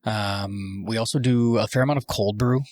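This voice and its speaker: A Canadian man who owns a cafe and roasts coffee, talking casually in a podcast interview and pausing often with fillers. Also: fairly low pitch, steady tone, darkish tone, no echo, clean studio sound. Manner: hesitant, frequent "um" fillers.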